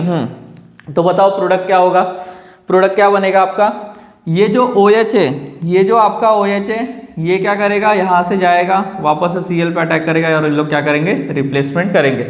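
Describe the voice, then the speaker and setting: A male chemistry teacher giving a lecture. He keeps asking rhetorical questions and answering them himself, and he repeats key terms slowly. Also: high voice. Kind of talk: classroom lecture. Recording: echoey room with long reverb.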